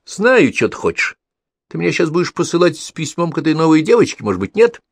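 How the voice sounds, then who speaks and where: A man's voice: on the high side, sing-song, fast, gravelly, breathy edge, no echo, pitched above the performer's own voice, exaggerated voice. A man voicing a cheeky, defiant little boy in an audiobook reading, mocking and taunting.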